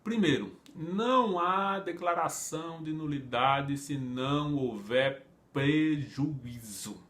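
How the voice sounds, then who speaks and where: A man's voice: fairly high pitch, expressive, slow, fairly bright tone. A man with a Brazilian Portuguese accent teaching a law class, talking conversationally, asking rhetorical questions and often adding tag questions. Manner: conversational, asks rhetorical questions, acts out imagined speakers; frequent tag questions and fillers. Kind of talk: online law lecture.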